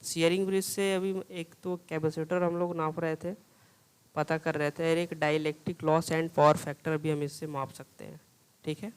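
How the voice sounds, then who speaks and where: Man, lecture style, slow, clear smooth voice, reads questions then explains. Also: a little high, flat delivery, rough recording. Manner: reads English questions slowly, explains in Hindi with repeated "theek hai". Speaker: teacher. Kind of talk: exam-prep lecture solving multiple-choice questions.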